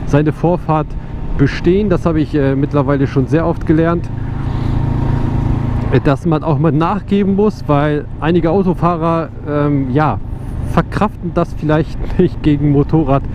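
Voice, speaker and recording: A man's voice: fairly high pitch, steady tone, measured pace. A young man chatting casually and reflectively as a motovlogger while riding, in informal speech. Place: outdoors on a motorcycle on open roads. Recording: muffled helmet recording with loud engine noise. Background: engine, wind and road noise.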